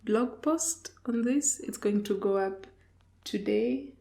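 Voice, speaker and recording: Slow-spoken woman podcast co-host. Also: fairly high pitch, vocal fry, warm tone. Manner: slow, understated replies with frequent laughs. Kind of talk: casual chat.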